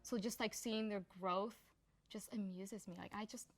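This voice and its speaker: At a moderate pace and a steady, medium pitch, a young Somali woman speaks in a casual interview for a community profile. Her personal talk is chatty and rough around the edges, with many filler words.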